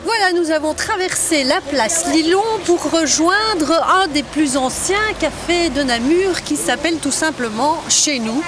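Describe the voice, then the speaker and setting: A woman reporting live on a street, asking short leading questions in a brisk way. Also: high voice. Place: outdoors on a city street. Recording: street noise behind.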